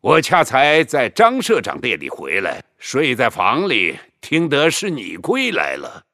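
A man acts out an old village patriarch in an audio drama, speaking slowly with a husky, breathy tone. His voice rises and falls widely as he fusses over his son. The sound is close and dry. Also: medium pitch, huge pitch swings, pushed and bright, dry recording, heavily acted. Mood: fatherly. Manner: slow, fatherly, pleading. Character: elderly village patriarch, doting and anxious.

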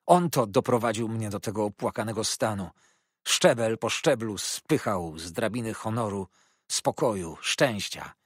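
A man's voice: on the low side, animated, a little slow, slightly rough, no room sound, clean studio sound. A man voicing a despairing older father who laments his fall in a pleading, grief-stricken way. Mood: anguished. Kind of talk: audiobook character voice.

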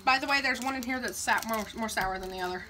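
A young adult woman hosting a snack-tasting vlog, excitable and reading labels aloud in casual chat. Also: on the high side, quick pace. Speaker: vlog host. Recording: noisy home recording.

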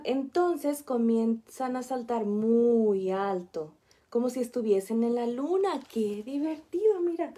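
A woman preschool teacher reading a picture book aloud to small children. She explains gently and often stops to point out the pictures. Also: fairly high pitch.

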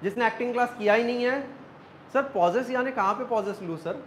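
High-voiced acting coach. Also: male voice, fairly quick, slight background noise, low-quality recording. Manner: coaching, quizzing students, joking. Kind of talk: classroom teaching. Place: acting classroom.

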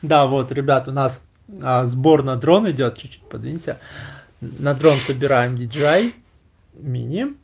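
A man's voice: mid-range voice, unhurried, creaky, slightly rough. A man in his thirties chatting casually as a vlog host, in an informal, slangy, joking way. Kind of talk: casual chat. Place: small indoor room packed with gear.

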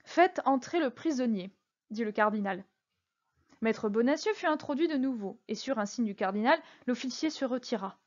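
A woman's voice: a little high, lively intonation, moderate pace, muffled recording. Woman reading a classic novel aloud. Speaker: narrator.

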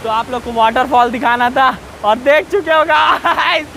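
This man's voice is strikingly high, creaky, pushed and bright, and steady in tone as he vlogs on a walk across a rocky hillside. He chats to viewers and keeps repeating safety warnings, with a faint waterfall rushing in the background and poor audio.

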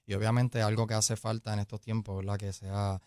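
A man promotes an event as a radio guest. His voice sits low, and the sound is close and dry. He is friendly and fills his talk with little filler tags. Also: level tone, brisk, darkish tone, clear, resonant tone, no room sound. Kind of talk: radio interview. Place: radio studio. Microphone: studio mic.

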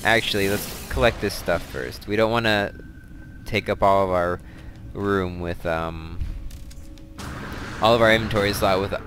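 A man's voice: on the low side, steady tone, a little slow, pauses often, music in the background. A man hosting a let's play, chatting casually and thinking aloud as he plays, drifting into side stories. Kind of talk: casual gameplay commentary.

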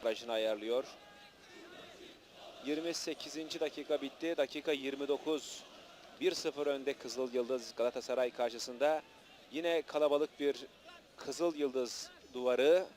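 A man's voice: mid-range voice, unhurried, a little mellow, some chatter behind. A man giving live television football commentary in short, clipped play-by-play phrases. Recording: noisy old match broadcast, outdoor stadium.

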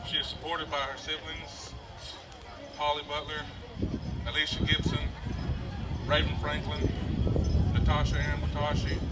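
Distant, higher-voiced man emceeing a powwow. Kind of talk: powwow announcing, calling people up over a PA. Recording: distant outdoor PA, loud background noise.

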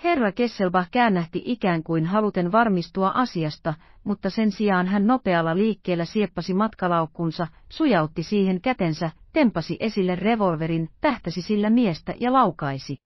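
Woman audiobook narrator, calm and even; dry, slightly dull recording. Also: mid-range voice, hardly any pauses, dry recording. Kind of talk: scripted narration.

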